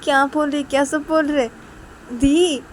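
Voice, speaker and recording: A woman's voice: high-pitched, steady tone, measured pace, slight background noise, voice pushed up. Brief: woman playing a cheeky young wife, needling her sister with question after question. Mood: teasing. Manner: teasing, prodding with repeated questions.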